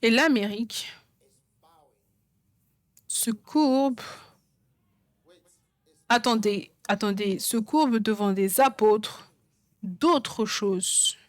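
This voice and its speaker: A woman's voice: a little high, drawn-out words, long pauses, dry recording. A woman preaching a sermon, emphatic and repeating phrases for stress. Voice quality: songwriter speaking of her own songs.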